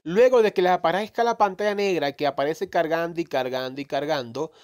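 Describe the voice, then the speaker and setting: Brisk and smooth, on the high side and a little mellow, a crypto gaming YouTuber's voice carries his casual talk over a phone screen recording. He explains a crypto game with rambling, self-corrections and mild swearing.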